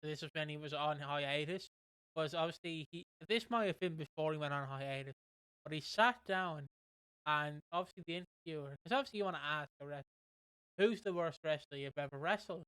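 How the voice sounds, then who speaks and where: Bright, clear-voiced male podcast host. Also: a little high, brisk, no echo. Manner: rambling, many fillers and restarts. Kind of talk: casual podcast chat.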